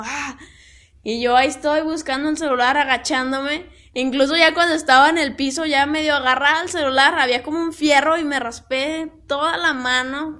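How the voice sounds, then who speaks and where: A young adult woman with a Mexican accent and a high voice tells a personal story. She talks casually and animatedly, peppering her sentences with fillers and tag questions. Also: sharp tone.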